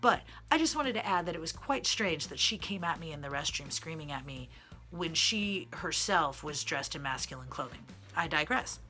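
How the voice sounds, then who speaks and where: With lively intonation and a bright, forceful tone, this transgender man in his 30s speaks at normal speed in a feminine-sounding voice on the high side. The Midwestern singer and vlogger rambles candidly through personal stories to camera, using many fillers, while faint music plays behind.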